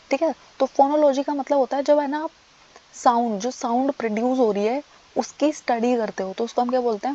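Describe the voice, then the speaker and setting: Fast-talking woman teaching a lesson. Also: fairly high pitch, mellow. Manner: explains with questions she answers herself. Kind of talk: exam-prep lecture. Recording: dull lo-fi audio.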